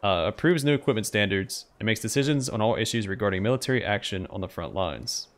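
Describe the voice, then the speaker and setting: Army captain for a fantasy game, read by a man: formal, dutiful, respectful, lowish pitch. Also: animated, quick pace. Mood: matter-of-fact. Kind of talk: game dialogue read aloud.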